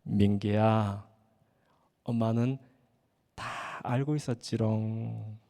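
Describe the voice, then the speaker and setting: A man voicing a gentle, teasing mother who speaks slowly and softly, with the reverb of a church hall. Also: on the low side, fairly even intonation, vocal fry, pitched below the performer's own voice. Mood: teasing tenderly. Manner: slow, soft, playful drawl.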